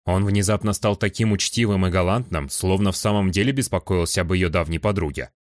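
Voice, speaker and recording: A man reading a fantasy audiobook in calm, measured first-person narration. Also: low-pitched, no room sound, studio quality.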